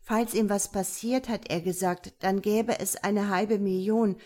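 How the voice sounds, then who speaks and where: A woman's voice: mid-range voice, fairly even intonation, measured pace, a little mellow, lightly acted. A woman reading an audiobook, voicing a naive young woman who pipes and whines. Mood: whiny. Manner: piping, whiny.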